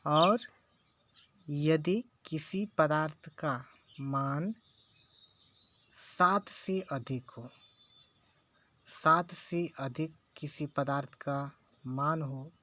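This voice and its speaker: A man's voice: on the high side, drawn-out words, long pauses, sharp tone. A man teaching a lesson, who repeats key phrases and keeps checking in with his listeners. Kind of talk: slow classroom lecture.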